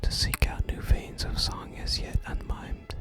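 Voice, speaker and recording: In an unvoiced whisper, an ASMR gamer plays a wistful male bard who wanders a fantasy game world, delivering florid lines in archaic, theatrical phrasing. The voice is natural and the pace measured, with a lofty, musing mood.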